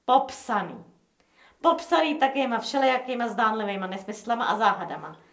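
A woman's voice: on the high side, animated, a bit bright, reverberant. A woman voicing a pompous, sly male gang boss who lectures his men in a smug, businesslike way in a storybook reading. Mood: scheming.

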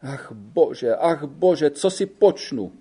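A man's voice: mid-range voice, big pitch swings, dark tone. A male narrator voicing a young Italian woman working as a wet nurse, tired and complaining on a hot train ride. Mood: plaintive. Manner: plaintive, sighing complaints.

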